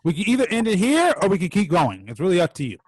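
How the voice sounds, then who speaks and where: Brief: male podcast host, high and animated, laughs easily, dry close sound. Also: fast talker, husky, dry recording. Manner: laughs often, relaxed and joking. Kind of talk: casual chat.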